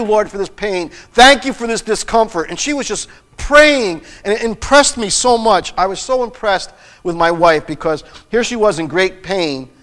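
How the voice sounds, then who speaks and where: A middle-aged male pastor delivers a sermon in an earnest, personal storytelling manner, often restarting his phrases. His voice sits fairly high for a man. A long church reverb trails behind each phrase. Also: a bit bright. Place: church sanctuary.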